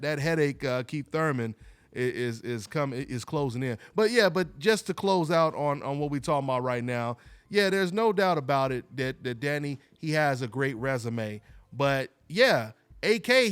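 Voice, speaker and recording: A man's voice: mid-range voice, expressive, normal speed, fairly bright tone, clean tone. A man hosting a call-in boxing show, talking loosely and rambling with many "you know, man" fillers. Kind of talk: casual call-in radio talk.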